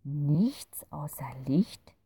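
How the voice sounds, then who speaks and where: Storybook girl, earnest and amazed, read by a woman; slow, dark-toned, slightly distant. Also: low-pitched, expressive, slightly rough, no room sound, exaggerated voice. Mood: wondering. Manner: wondering, questioning. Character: curious young girl, wondering and earnest.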